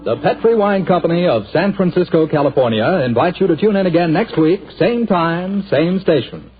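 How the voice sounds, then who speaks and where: A male radio announcer in 1940s style, reading ads in a smooth, cheerful, salesy way. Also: sits high, animated, moderate pace, faint music behind. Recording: tinny 1940s radio broadcast.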